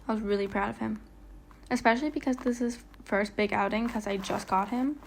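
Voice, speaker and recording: A woman's voice: mid-range voice, fairly even intonation, brisk, creaky, a little hiss or hum. A woman narrating a casual travel vlog voiceover, chatty and rambling with lots of fillers, stumbling over her words now and then. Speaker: vlogger. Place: voiceover, not recorded on location.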